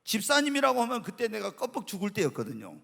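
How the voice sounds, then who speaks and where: A middle-aged man preaching a sermon as pastor, telling stories in an animated way and acting out quotes. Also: sits high, fast talker, gravelly. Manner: animated storytelling with acted quotes. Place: church sanctuary. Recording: long hall reverb.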